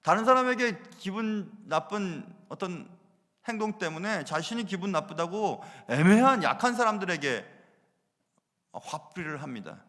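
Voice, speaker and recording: A man preaching a sermon as pastor, animated, moving between loud emphasis and hushed asides. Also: high voice, moderate pace. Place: church sanctuary. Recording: long reverb of a church hall.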